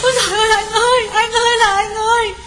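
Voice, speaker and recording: A woman's voice: mid-range voice, lively intonation, normal speed, close to an everyday voice. A woman voicing a frightened, grief-stricken young village mother who sobs and wails as she speaks. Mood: hysterical. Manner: wailing, sobbing speech. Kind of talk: audiobook character voice. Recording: reverberant with background music.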